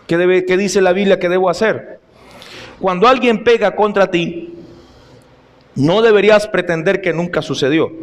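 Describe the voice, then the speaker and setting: A male pastor preaching a sermon, reading scripture aloud and explaining it, turning to the congregation with direct questions and asides. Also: sits high. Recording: long hall reverb.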